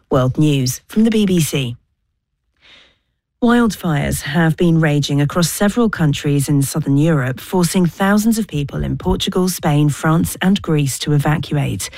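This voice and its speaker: Low-voiced woman reading the news, dry studio sound. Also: a little mellow, no echo. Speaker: newsreader. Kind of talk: scripted news bulletin.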